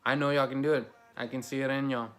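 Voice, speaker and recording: A man's voice: mid-range voice, little pitch movement, fast, fairly bright tone. Young man's casual pep talk. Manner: casual, upbeat and encouraging, with slang fillers. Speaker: school alumnus. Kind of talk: recorded graduation message.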